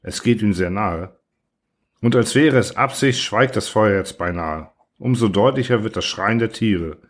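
A man reading a literary story aloud in a measured, somber narration. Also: lowish voice. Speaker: audiobook reader.

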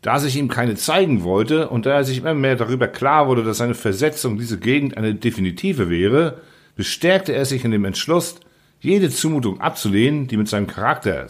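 A man narrates an audiobook story expressively, in a storytelling style, at medium pitch and a moderate pace.

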